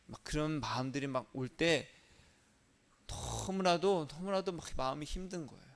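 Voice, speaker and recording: A man's voice: fairly high pitch, moderate pace. A male pastor giving a sermon in a conversational way, asking rhetorical questions and acting out inner thoughts.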